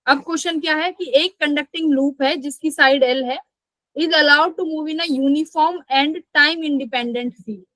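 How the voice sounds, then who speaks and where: A woman's voice: high-pitched, slow pace, a bit bright, no room sound, low-quality recording. A woman teaching a live online physics class, asking questions and answering them herself, and scolding students who skip class.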